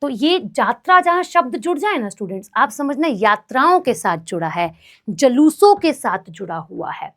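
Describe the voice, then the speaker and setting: A woman's voice: high-pitched, big pitch swings, normal speed. A woman teacher giving an online class lecture, explaining step by step, mixing in English terms and checking in with students often. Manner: chatty, addresses students as "मेरे भाई".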